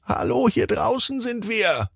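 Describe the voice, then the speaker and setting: A bright, tiny toddler boy calls out happily from far away in a storybook, his voice pitched way up high. The voice stays gravelly and husky underneath. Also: very animated, a little slow, dry recording, studio quality, heavily acted. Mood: calling cheerfully. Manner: high calling voice. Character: small boy, toddler brother, cheerful.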